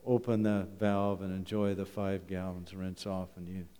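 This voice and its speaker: With a deep, dark, clean voice showing little pitch movement at normal speed, a middle-aged or older man from Canada gives a humorous, conversational slide talk to a church congregation, often posing rhetorical questions. He is a wilderness school principal, and the church hall is echoey with long reverb.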